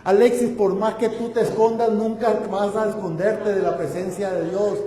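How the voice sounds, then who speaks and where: A man preaching a fervent sermon as pastor, building to loud exclamations. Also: sits high, fairly even intonation, normal speed. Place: church sanctuary. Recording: echoey church hall.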